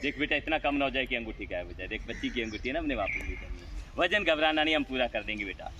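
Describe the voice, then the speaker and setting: A man's voice: medium pitch, expressive, fast talker, muffled recording. A man with a Haryanvi accent performing a live magic show for students, coaxing and teasing his volunteers. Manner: coaxing, teasing, calls everyone "beta". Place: outdoors at a school gathering. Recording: outdoor crowd noise around the voice.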